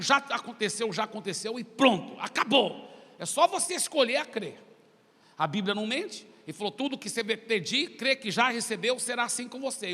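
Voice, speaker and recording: A male pastor preaches in an animated storytelling style and acts out the dialogues. His voice is high, bright and gravelly, swinging widely in pitch. A long church hall reverb trails every phrase. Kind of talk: sermon. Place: church sanctuary.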